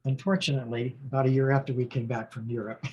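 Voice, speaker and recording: A man in his sixties from the United States, appearing as a podcast guest, tells long rambling stories about his schooling in a casual interview, warm and full of laughs and restarts. His mid-range voice moves quickly with little pitch variation, and the recording is muffled with a bit of hiss or hum.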